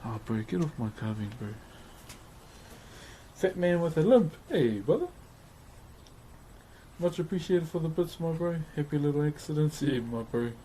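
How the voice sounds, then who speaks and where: Carving on a livestream, a broad-accented New Zealander chats with his viewers in a laid-back, matey way. His fairly high voice is warm with lively intonation, at normal speed with long pauses, and the background noise is clearly audible.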